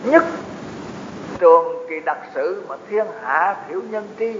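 Male monk, fairly high voice, dharma talk, dull lo-fi hall recording. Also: animated, measured pace. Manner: explanatory, folksy asides to the audience. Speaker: Buddhist monk teaching. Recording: echoey hall, dull lo-fi with faint noise.

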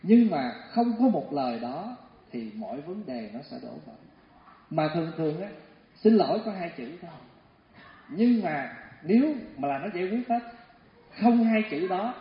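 A male Buddhist teacher gives a dharma talk, animated and full of acted-out stories. His voice sits a little high. The recording is dull and lo-fi, with long hall reverb and faint ambient noise. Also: moderate pace. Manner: storytelling, animated, acts out voices.

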